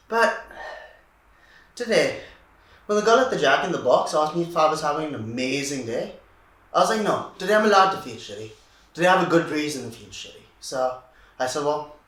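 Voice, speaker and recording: A man's voice: a little high, a bit bright. An actor playing a young man who rambles wryly and laughs through his grief after his mother's death. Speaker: actor in a showreel scene. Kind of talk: comic monologue. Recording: echoey room.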